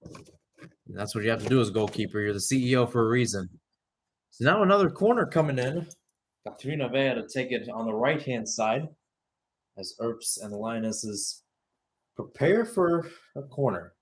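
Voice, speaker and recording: Expressive and moderately paced, with long pauses, a young adult man delivers radio-style play-by-play of a live soccer match. His pitch is middling, and he goes between tracking the play and talking it through.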